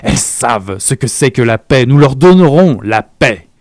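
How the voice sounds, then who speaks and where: A man reading aloud, voicing a theatrical male revolutionary leader who declaims with passion and rises to loud peaks. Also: medium pitch, lively intonation, moderate pace, no echo, studio quality, close to an everyday voice. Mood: rousing.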